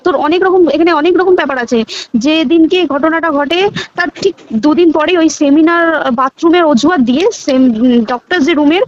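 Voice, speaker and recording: A young Bengali woman with a West Bengal accent talks very quickly in a high voice on a phone call. Emphatic and insistent, she repeats words for emphasis and checks that the listener is following. The phone recording is dull and lo-fi, with slight background noise.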